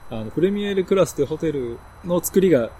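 A man's voice: a little high, lively intonation, quick pace, dark tone, a little hiss or hum. A man in his thirties co-hosting a podcast, chatting casually and laughing easily, recorded in a hotel room. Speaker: podcast co-host. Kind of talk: casual chat.

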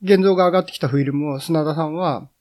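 A middle-aged man talking as a podcast guest, reminiscing in an unhurried way with many drawn-out fillers. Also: on the high side, a little mellow. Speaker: guest, editor and cycling journalist. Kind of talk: casual podcast conversation.

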